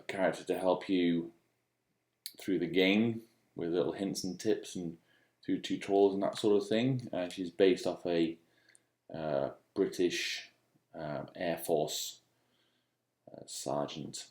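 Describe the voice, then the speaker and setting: A man giving a casual, unscripted voice-over demo as a digital artist, speaking in a halting, musing way. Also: low-pitched, dark tone, roomy sound. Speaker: digital artist demonstrating own work.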